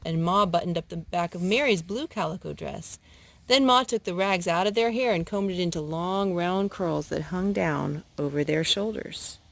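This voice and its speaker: This woman's voice sits on the low side and carries vocal fry. She reads children's stories aloud, occasionally stopping to fix a slip as she goes.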